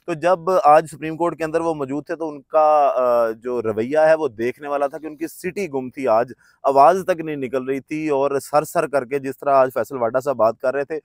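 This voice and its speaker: A man comments on politics at his own loose pace, often pausing on a drawn-out filler before going on. His voice sits in an ordinary middle register. The recording is close and dry, with no room sound. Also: mid-range voice, no echo. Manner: conversational, hesitant with frequent filler sounds.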